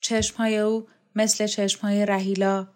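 A wistful, devoted man recalls distant memories in a soft, dreamy voice, read out by a woman narrating a storybook. His telling is hushed and lingering, kept at an ordinary mid pitch for the woman reading him. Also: flat delivery, lightly acted. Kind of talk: audiobook character reading.

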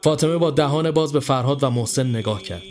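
A man narrating a scripted horror story in a measured, even storytelling voice. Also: mid-range voice.

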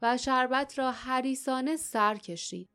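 A woman narrating an adventure audiobook in a steady, expressive storytelling manner. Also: sits high, clean tone, soft background music. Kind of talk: scripted narration.

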